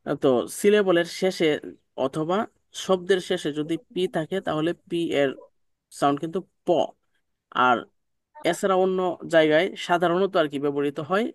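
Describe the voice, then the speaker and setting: A man's voice: fairly high pitch, steady tone, normal speed, long pauses, no echo, clean studio sound. A man teaching an online pronunciation class, patient, repeating sounds and checking that students follow. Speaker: English teacher.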